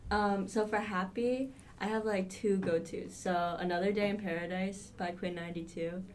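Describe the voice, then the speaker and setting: A woman's voice: mid-range voice, fairly even intonation, moderate pace, a little mellow, slight background noise. A young adult woman co-hosting a casual podcast chat, chatty and playful. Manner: chatty, playful, laughs into her words.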